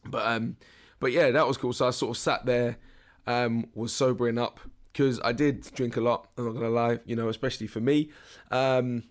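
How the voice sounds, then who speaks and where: A young British man with a hoarse, worn-out voice, hosting a casual podcast in a jokey, slangy, rambling way. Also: medium pitch, fairly even intonation, moderate pace. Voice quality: hoarse, strained voice. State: hoarse, losing his voice. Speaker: podcast host. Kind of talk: casual solo podcast chat.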